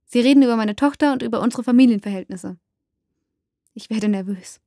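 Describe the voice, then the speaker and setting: A woman narrating a first-person story aloud, dramatic and rising to shouts in the dialogue. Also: fairly high pitch, a little fast, dry recording, studio quality.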